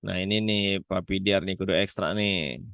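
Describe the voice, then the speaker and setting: A man's voice: deep voice, moderate pace, vocal fry, no room sound, phone-quality sound. A man teaching Quran letter pronunciation in an online class, patiently demonstrating sounds again and again. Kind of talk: online Quran reading lesson.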